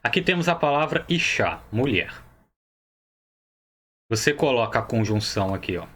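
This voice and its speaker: A man's voice: mid-range voice, very animated, moderate pace, fairly bright tone. A man with a Brazilian Portuguese accent teaching a Hebrew grammar lesson, explaining each step patiently and often checking that the viewer follows.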